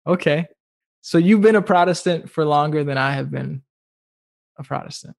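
A young man from the Dominican Republic hosts a podcast with a relaxed, chatty manner, dropping lots of "like" and laughing often. His voice sits fairly high for a man. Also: normal speed, gravelly. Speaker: podcast host. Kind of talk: casual podcast conversation.

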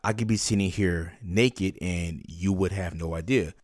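A man's voice: low voice, measured pace, dry recording, clean studio sound. A man hosting a podcast, talking conversationally and instructionally, as if directly to one listener. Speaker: podcast host.

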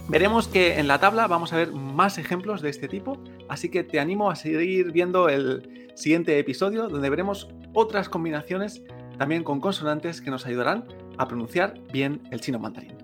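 A young man teaching Chinese pronunciation in Spanish, explaining slowly, repeating sounds and adding a checking "eh?". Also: on the high side, lively intonation, a bit bright, soft background music. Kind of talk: pronunciation lesson.

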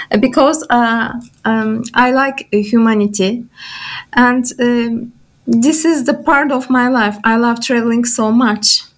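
A woman, born in Bulgaria and raised in Turkey. She answers interview questions in English, a language, with many pauses and fillers. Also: a little high. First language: Turkish. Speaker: guest.

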